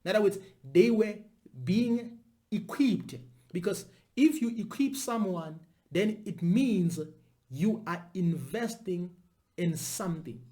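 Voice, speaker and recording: A commentator talks to viewers without a script. The delivery is deliberate and repetitive, with emphatic phrasing at an ordinary, medium pitch. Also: animated, warm tone. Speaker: video commentator. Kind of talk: unscripted spoken commentary.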